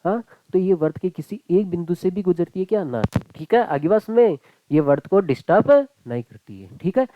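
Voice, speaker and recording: A man's voice: high-pitched, lively intonation, normal speed, dull audio. A man teaching a maths class online, chatty and joking, calling his students "beta" and "bhai".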